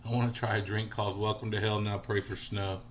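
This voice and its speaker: A man's voice: fairly low pitch, level tone, fast, slight background noise. A man in his forties hosting a casual livestream, chatting with viewers and answering their comments by name. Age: 40s. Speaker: livestream host.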